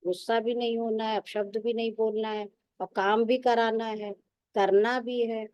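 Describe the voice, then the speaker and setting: A woman's voice: a little high, little pitch movement, normal speed, a little mellow, no echo, highs cut off. A woman spiritual teacher giving a devotional sermon, telling stories with repetition and rhetorical questions.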